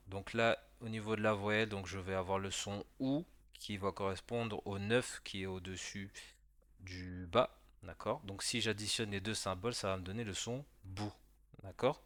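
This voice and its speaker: A low-pitched man gives a patient beginner lesson, walking the listener through each step and often checking they follow. His voice is recorded dry and close, with no room sound. He slows down to sound out syllables for repetition. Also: fairly bright tone, no echo. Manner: patient, explains slowly, often checks with "d'accord?"; spells out sounds slowly for repetition. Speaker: teacher. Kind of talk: beginner language lesson voice-over.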